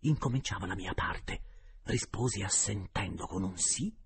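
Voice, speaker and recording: A man narrating a story aloud with dramatic, animated delivery that slips into whispers. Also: low voice, normal speed, a little hiss or hum. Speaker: audiobook narrator. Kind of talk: storybook reading with voices.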